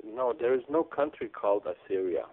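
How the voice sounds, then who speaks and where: A man from Iran, a pastor, answering interview questions in a halting way with many pauses and fillers. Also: medium pitch, lively intonation. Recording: phone-like narrow band.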